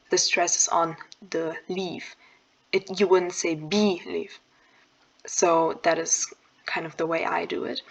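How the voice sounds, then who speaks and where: A young woman calmly talking through a poem's structure over slides, thinking aloud with fillers and the odd self-correction. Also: on the low side, low-quality recording. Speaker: student explaining a poem. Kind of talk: casual explanatory lesson over slides.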